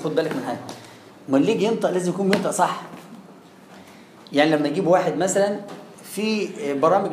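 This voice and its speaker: A man with a high-sitting, darkish voice and an Egyptian Arabic accent teaches Quran recitation in an explanatory classroom lesson. He demonstrates sounds repeatedly and poses rhetorical questions, recorded in an echoey room with faint noise.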